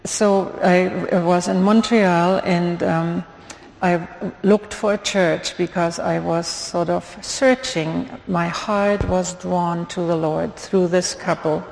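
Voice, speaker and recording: An older woman from Germany with a German accent, giving an earnest church testimony with many fillers and pauses. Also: fairly low pitch, steady tone, creaky, darkish tone. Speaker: guest speaker giving testimony. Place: church sanctuary. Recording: long hall reverb.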